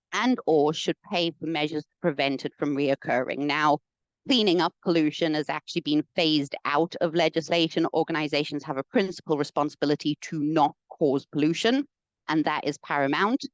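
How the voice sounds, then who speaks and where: A young South African woman talks through a lunchtime webinar in a friendly, measured way, often pausing on "um." Her voice is smooth and clear. The video call audio is dry and a little dull. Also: low voice, no echo. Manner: friendly, measured, frequent "um" fillers. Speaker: environmental consultant giving a webinar talk. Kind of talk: presentation.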